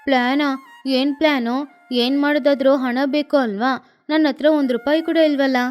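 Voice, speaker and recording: Cartoon boy crow, gentle and earnest, fairly high voice, woman voices him. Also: fairly even intonation, unhurried, soft background music. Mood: plaintive. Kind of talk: cartoon voice acting.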